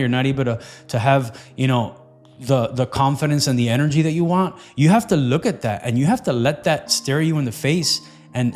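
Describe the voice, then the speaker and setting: A man's voice: medium pitch, darkish tone. A man coaching on fat loss in an earnest, loose motivational talk, with repetitive phrasing and plenty of fillers.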